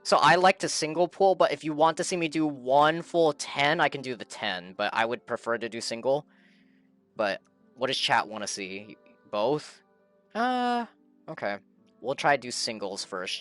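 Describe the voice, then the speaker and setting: Chatting casually on his livestream as he games, this man keeps repeating himself in a playful, pleading manner. He speaks at normal speed in a medium-pitched, expressive, slightly bright voice, with faint music in the background.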